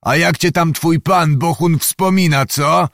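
A man's voice: fairly high pitch, measured pace, gravelly, a bit bright, no room sound, clean studio sound, pitched above the performer's own voice. A man voicing a jovial, blustering old nobleman in an audiobook reading, bantering and mock-solemn.

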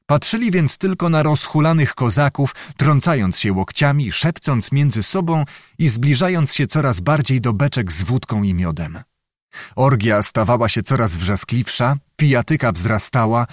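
A man narrating a literary novel in a steady, measured, descriptive reading voice. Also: mid-range voice, no echo, clean studio sound. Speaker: audiobook narrator.

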